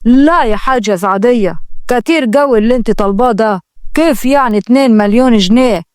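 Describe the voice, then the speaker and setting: A woman voicing a fat, leering fifty-year-old rich man who talks slowly and gruffly. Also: a little high, darkish tone, no room sound, studio quality, lightly acted.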